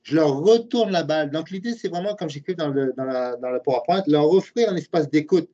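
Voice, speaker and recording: This university professor and program director, a man in his late forties, has a Québécois French accent and a voice on the high side with a dark tone, moving at a fairly quick clip. Fielding webinar questions, he earnestly explains his thinking as he works it out aloud, heard through muffled, lo-fi web call sound.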